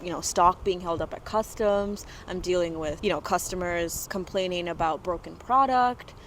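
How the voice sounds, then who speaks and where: A woman's voice: lowish voice, moderate pace, a little hiss or hum, rough recording. Chatty young woman, filler-heavy talk. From Dubai. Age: 20s. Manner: chatty, many fillers like "you know" and "like". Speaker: guest entrepreneur. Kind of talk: casual interview talk.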